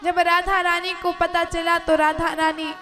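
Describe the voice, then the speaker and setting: A woman's voice: extremely high pitch, flat delivery, measured pace, pushed and bright, soft background music. A woman storyteller giving a devotional story sermon in an emotive, dramatic way.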